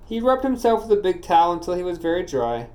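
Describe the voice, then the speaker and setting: A man reading a children's storybook aloud, steady and clear. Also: high voice, fast.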